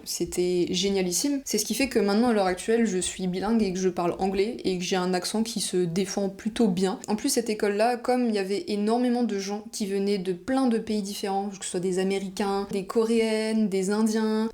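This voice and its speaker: A woman's voice: medium pitch, mellow. A young woman, chatting casually as a vlogger as she tells stories from her life, with lots of fillers. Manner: chatty, conversational, frequent fillers like genre and bah. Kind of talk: casual storytelling monologue.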